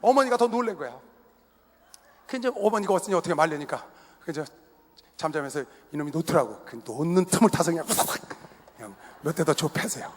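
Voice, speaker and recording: Husky middle-aged pastor in echoing hall. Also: male voice, on the high side, fairly quick. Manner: animated storyteller who acts out family dialogue and laughs at himself. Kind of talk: sermon with personal storytelling. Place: large indoor sports arena used for worship. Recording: echoey arena hall.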